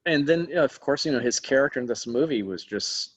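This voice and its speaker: Lively, animated man in casual chat. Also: medium pitch, quick pace, a little hiss or hum. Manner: animated storyteller, laughs often. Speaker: guest actor.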